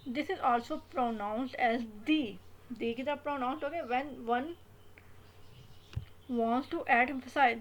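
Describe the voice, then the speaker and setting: A young adult woman teaching English grammar, explaining slowly and repeating English example phrases with careful stress. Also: fairly high pitch, a little hiss or hum. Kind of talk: explaining grammar in a mix of Hindi-Urdu and English.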